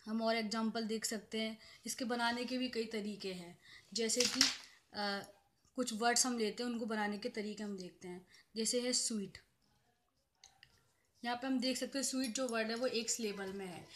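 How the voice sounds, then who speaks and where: A woman professor giving a grammar lecture, explaining step by step and repeating each example slowly, with English terms mixed into her explanation. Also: on the high side, fairly even intonation, a little hiss or hum.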